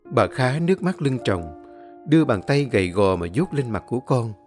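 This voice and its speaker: Expressive male storyteller. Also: medium pitch, normal speed, soft background music. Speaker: narrator. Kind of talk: storybook narration.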